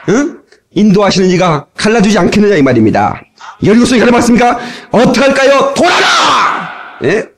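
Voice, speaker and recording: Fiery, animated male preacher. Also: high-pitched. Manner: emphatic, shouting exhortations, acting out voices, bursts of laughter. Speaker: pastor. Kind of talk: fiery sermon. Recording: old cassette tape transfer.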